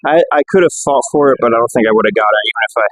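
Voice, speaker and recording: A man talking casually through his gym workout as a fitness vlogger, chatty and relaxed with lots of fillers, catching his breath between sets. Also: medium pitch, racing, dry recording, poor audio.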